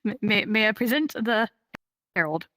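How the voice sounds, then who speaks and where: A roleplay streamer chats casually during a game in an animated, mid-range, slightly bright voice at a moderate pace, with no room sound. She rambles, with lots of fillers and restarts.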